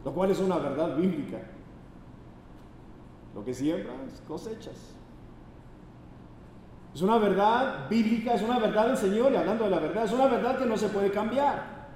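High-voiced preacher in an echoing hall. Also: male voice, expressive, normal speed, darkish tone, distant mic. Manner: emphatic, rhetorical questions. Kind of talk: sermon. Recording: echoey hall, faint background noise.

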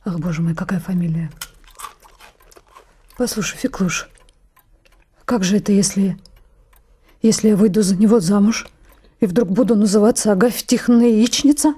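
An actress playing a timid, fussy young bride-to-be who asks hesitant, anxious questions in a staged play. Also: female voice, mid-range voice, normal speed, pauses often, warm tone, slightly rough, close to an everyday voice.

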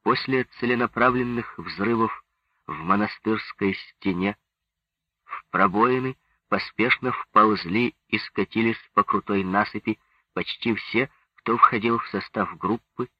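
Slow husky man narrating. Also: on the low side, no echo. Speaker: audiobook narrator. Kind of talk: scripted narration. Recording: dull lo-fi dry recording.

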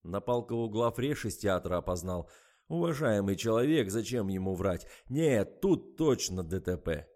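A man's voice: lowish voice, expressive, moderate pace, dark tone, lightly acted. A man voicing a blunt male police general in an audiobook, speaking in a curt, matter-of-fact way.

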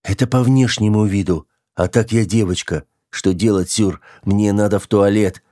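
A man's voice: fairly low pitch, steady tone, moderate pace, warm tone, lightly acted. A man reading an audiobook, voicing a panicked young woman stuck in a man's body, tearful, pleading and close to hysteria. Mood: panicky pleading.

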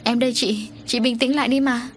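A woman's voice: on the high side, steady tone, a little fast, slight background noise, voice pushed up, close to an everyday voice. A woman voicing an anxious, caring younger sister, close to tears, in an audio story. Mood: pleading. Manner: pleading, anxious.

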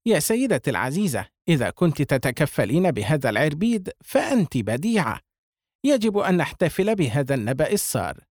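A man's voice: on the high side, big pitch swings, brisk, darkish tone, dry recording, clean studio sound. A man reading the part of a boisterous middle-aged man in an audiobook, with effusive exclamations.

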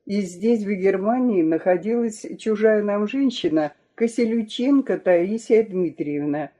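A man with a fairly high voice reads letters aloud on a broadcast. His delivery is measured and steady. The tone of his voice is dark and mellow rather than bright.

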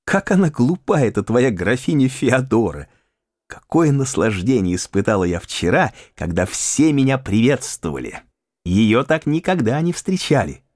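A man reading an audiobook, voicing an adoring, playful young woman in a lilting raised voice, soft and eager. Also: mid-range voice, big pitch swings, normal speed, no room sound, studio quality, voice pushed up.

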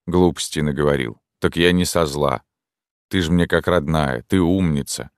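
A man's voice: a bass voice, normal speed, clean tone, no echo, clean studio sound. A man doing a grumbling aging stepfather. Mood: tender. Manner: plaintive, scolding.

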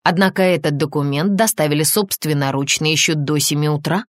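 A brisk female chief inspector with a dry, wry edge, snapping out orders, as a woman narrator voices her. The voice is low and the recording close and dry. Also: no echo, lightly acted.

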